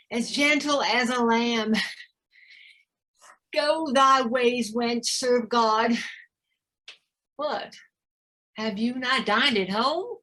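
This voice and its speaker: An actress plays a fussy, aching old nurse with a Southern drawl. She has a high, bright voice and drags out every complaint in an unhurried way. She teases as she stalls. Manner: dawdling, complaining, drawn-out. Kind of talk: stage acting of verse drama.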